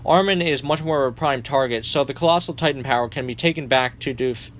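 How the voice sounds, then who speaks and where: A man's voice: mid-range voice, quick pace, a bit bright, a little hiss or hum. A young man hosting a commentary video, narrating a story summary in a sardonic tone with occasional swearing. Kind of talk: narrated fan rewrite summary.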